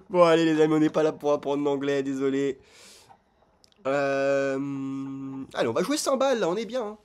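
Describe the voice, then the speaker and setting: A man streaming online casino games, chatting straight to his viewers in an excitable, casual way. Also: on the high side, a little slow, pauses often, clear, resonant tone. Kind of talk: casual gambling commentary.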